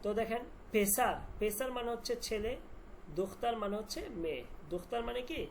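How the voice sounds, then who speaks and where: A man's voice: high voice, a little fast, creaky. Man, language teacher, online class, repeats and quizzes, faint noise behind. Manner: repeats words and drills meanings with questions.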